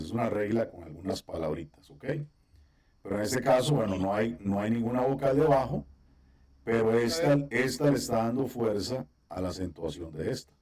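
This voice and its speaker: A man with a low, mellow voice teaches Biblical Hebrew over a video call. He explains patiently and step by step, and keeps checking that his students follow. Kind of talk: online class instruction.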